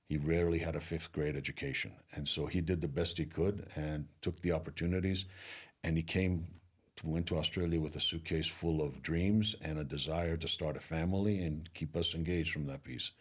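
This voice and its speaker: A middle-aged man from Greece speaks in an interview with a very deep, low voice and a husky grain. He talks earnestly and motivationally as a leadership coach, slowing down to stress his key points. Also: fairly even intonation. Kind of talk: interview conversation.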